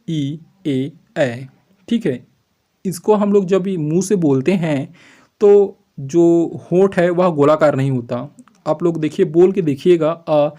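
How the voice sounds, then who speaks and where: A man teaching an exam-prep lesson, explaining step by step, asking rhetorical questions and answering them himself, often checking in with his class and slowly drawing out vowel sounds as examples. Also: on the high side, warm tone.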